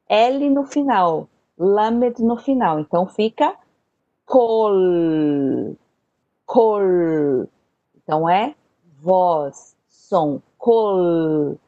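A woman teaching an online Bible language lesson, taking her time over every word. She talks very slowly and patiently and repeats each term so her learners can follow. The sound is close and dry, with no room echo. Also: medium pitch, warm tone, highs cut off. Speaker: Hebrew teacher.

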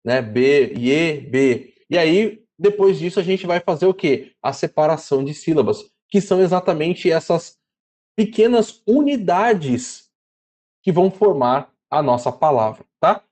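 A man teaching a casual lesson, chatty and spelling out syllables slowly. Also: high voice, lively intonation, darkish tone. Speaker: Greek teacher.

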